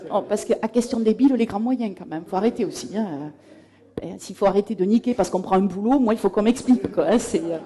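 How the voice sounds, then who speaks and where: A woman giving a conference talk, telling lively anecdotes from her career and acting out past exchanges. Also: medium pitch, brisk. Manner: lively storytelling, acting out past dialogues with laughs. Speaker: conference speaker. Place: conference room.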